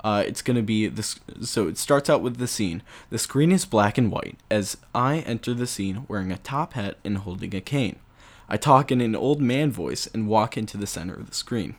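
A man's voice: lowish voice, animated, normal speed. A young man hosting a casual solo podcast, rambling with frequent chuckles and filler words. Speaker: podcast host.

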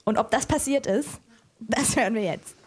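A woman's voice: fairly high pitch, moderate pace, breathy edge. A woman host chatting enthusiastically with an author at a live reading event. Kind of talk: casual moderated chat.

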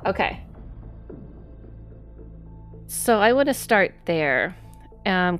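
Casting: lower-voiced woman host, chatty and encouraging, casual podcast talk. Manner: chatty, affirming, laughs often. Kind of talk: casual interview chat.

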